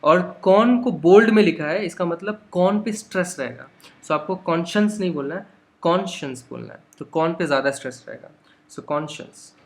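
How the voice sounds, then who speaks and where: A young man with an Indian accent explains a textbook chapter line by line. He talks patiently, blending English words and phrases into his lesson. His voice sits a little higher than most men's. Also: fairly quick. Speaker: English teacher.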